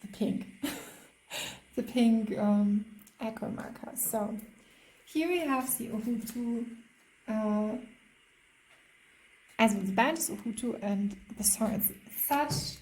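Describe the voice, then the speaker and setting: A woman's voice: a little high, takes it slowly, pauses often, roomy sound, poor audio. A woman with a German accent doing a spiritual tarot reading, hesitant and full of fillers. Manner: hesitant, many fillers, soft laughs. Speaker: tarot card reader.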